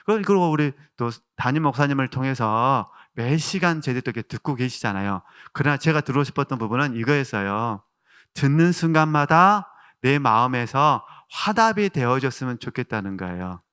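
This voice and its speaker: Bright, crisp Jeolla-accented pastor. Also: male voice, mid-range voice, lively intonation, a little fast. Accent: Jeolla Korean. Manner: warm storytelling with rhetorical questions to the congregation. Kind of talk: sermon.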